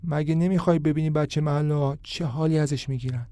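A man's voice: fairly high pitch, steady tone, warm tone, no room sound, clean studio sound, natural voice. A man voicing a streetwise young man who talks in an amused, mocking way.

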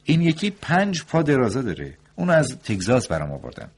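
A man voicing a nervous, fussy young doctor in a read-aloud story, his voice pushed high and loud in eager bursts. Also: huge pitch swings, husky, exaggerated voice. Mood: agitated. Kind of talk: audiobook story reading.

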